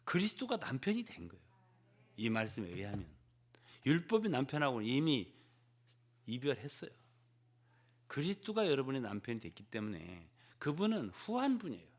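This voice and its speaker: An older man, a pastor, preaching a sermon in an animated way, often turning to the congregation with quick questions and acting out prayers and conversations. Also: medium pitch. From South Korea.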